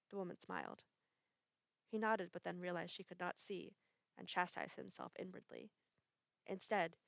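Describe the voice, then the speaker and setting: A woman narrating a short story as a dramatic reading, measured and expressive. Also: fairly low pitch, gravelly, no echo.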